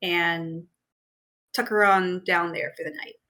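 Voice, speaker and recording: Woman player, slow and halting, restarts a lot, lowish voice. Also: steady tone, pushed and bright. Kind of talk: casual tabletop play.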